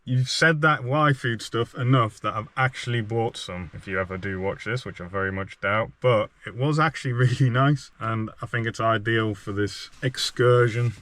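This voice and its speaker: A man talking casually as a vlogger, rambling a little, with wry, self-deprecating understatement. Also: mid-range voice. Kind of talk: casual chat to camera.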